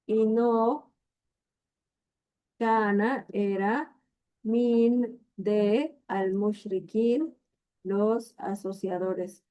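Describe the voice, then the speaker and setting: Slow-speaking Latin American woman teaching Arabic. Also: medium pitch, warm tone, muffled recording. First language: Spanish. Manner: thinks aloud with fillers, checks in with "¿no?". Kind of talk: explaining Arabic vocabulary in a lesson.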